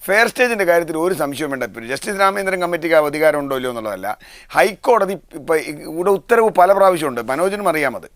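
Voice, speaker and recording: A man's voice: on the high side, expressive, racing, no echo, clean studio sound. A man arguing his point as a guest on a televised panel discussion. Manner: argumentative, rebutting.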